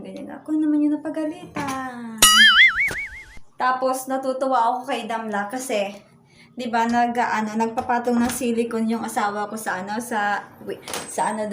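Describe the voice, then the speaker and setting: A woman from the Philippines chatting casually in a rambling family vlog from her home kitchen, full of fillers. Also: fairly high pitch. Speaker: vlogger. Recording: echoey room with noise.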